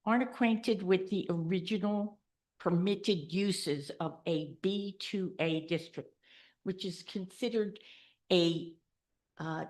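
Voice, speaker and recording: A woman's voice: medium pitch, darkish tone. A woman speaking during public comment at a council meeting into a podium microphone. She reads out a list, then speaks earnestly and with emphasis. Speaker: resident giving public comment. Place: township council meeting room.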